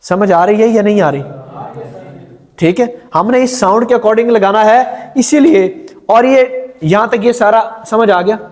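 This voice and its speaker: A man's voice: high-pitched, a little slow, darkish tone. A male teacher giving a grammar lecture in a classroom, quizzing the students and repeating their answers.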